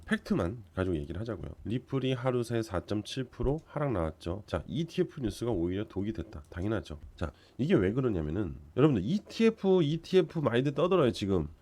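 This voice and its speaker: A man's voice: mid-range voice, darkish tone, no room sound. A man hosting a crypto investment channel. He talks bluntly and emphatically, asks rhetorical questions and answers them himself, and reassures worried holders. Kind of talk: market commentary to viewers.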